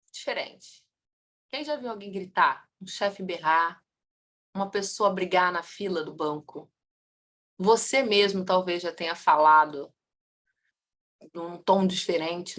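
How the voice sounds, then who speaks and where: With a fairly low-pitched voice, a woman takes her family constellation class slowly, leaving long pauses. She stays lively, though, varying in volume and pace as she poses questions to students and answers them herself.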